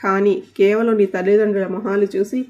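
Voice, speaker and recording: A woman's voice: medium pitch, level tone, a little fast, a little mellow, lo-fi sound, close to an everyday voice. A woman voicing a hurt young woman who tearfully accuses a man in an audio story.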